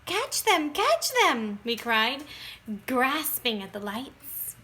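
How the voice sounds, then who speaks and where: A woman reads a children's picture book with dramatic expression, drawing out words for emphasis and shifting between hushed phrases and sudden bursts. Her voice sits high, and she takes it slowly.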